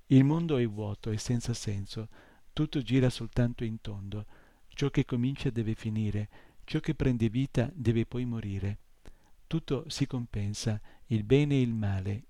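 A man voicing an ancient, weary female giant turtle in a read-aloud story, speaking slowly and gurgling as she talks to herself. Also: lowish voice, mellow, dry recording. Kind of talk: audiobook reading.

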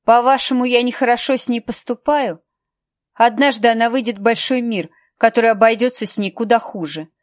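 A woman's voice: on the high side, a little fast, no echo, clean studio sound, pitched above the performer's own voice, close to an everyday voice. A woman voicing a cold, sarcastic female assistant who speaks mockingly with steel in her tone.

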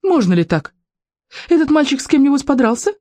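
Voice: medium pitch, fairly quick, a little mellow, no room sound, close to an everyday voice. Reader doing a loving mom who gets fierce, storybook voice, dry sound. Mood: indignant. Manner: tender, then indignant. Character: caring mother, brave and fiery when protecting.

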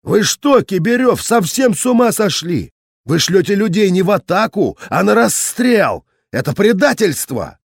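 A man's voice: on the high side, big pitch swings, a little slow, breathy edge, dry recording, studio quality, pitched above the performer's own voice, exaggerated voice. A man doing a hot-tempered wartime commander. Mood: furious. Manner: shouting, commanding. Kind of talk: audiobook character voice.

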